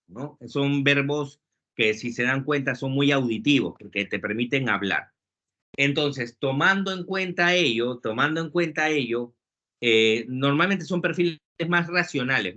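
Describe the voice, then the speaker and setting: A man giving a webinar talk on leadership, lively and joking, acting out quotes along the way. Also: medium pitch. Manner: lively, jokey lecturing with acted quotes. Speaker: webinar speaker. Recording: muffled lo-fi webinar audio.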